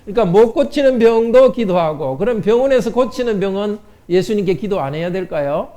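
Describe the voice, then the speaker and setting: A man's voice: high voice, animated, a little fast, mellow. A man pastor giving a children's sermon in church, asking the children questions and answering them. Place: church sanctuary.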